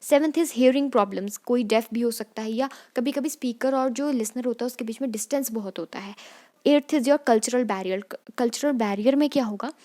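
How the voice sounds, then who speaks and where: A woman's voice: a little high, normal speed, dark tone. Young woman teaching an exam lecture. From Kangra district, Himachal Pradesh, India. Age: young adult. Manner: explanatory, repeats "theek hai" often, mixes Hindi and English.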